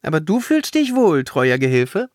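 A man's voice: on the high side, sing-song, moderate pace, dry recording, studio quality, voice pushed up. A man voicing a grumpy, sarcastic young girl villain in an audiobook. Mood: mocking. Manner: sarcastic, disgusted, drawling.

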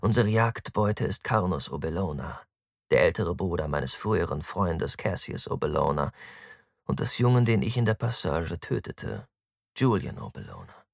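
A man narrating an audiobook in the first person with an expressive, varied delivery. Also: deep voice, moderate pace, gravelly, no echo, clean studio sound.

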